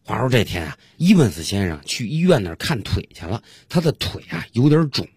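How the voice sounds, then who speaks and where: A man's voice: fairly low pitch, very animated, brisk, darkish tone, soft background music. A man hosting a radio comedy show, telling jokes in a chatty, colloquial way. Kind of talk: storytelling jokes.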